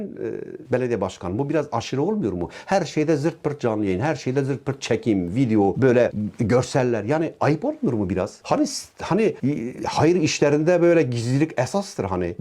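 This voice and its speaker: A male political YouTuber fires off indignant reaction commentary, his pitch rising and falling with feeling. He speaks quickly, and his voice has a dark, mellow timbre. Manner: indignant, combative, addresses the official directly.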